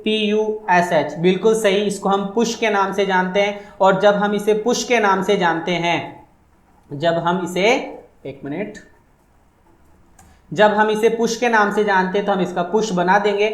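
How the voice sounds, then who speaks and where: A man's voice: high voice, steady tone, a little slow, roomy sound. A man teaching a phonetics lesson, repeating each point and asking questions that he answers for his students. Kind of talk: online exam-prep phonetics lesson.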